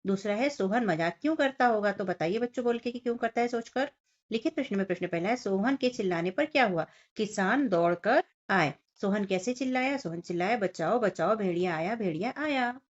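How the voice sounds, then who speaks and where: A woman's animated, mid-range voice moves a little quickly as she leads young kids through a Hindi workbook lesson. She talks to them directly and explains each picture and question in turn, and the audio is dull and low-fidelity.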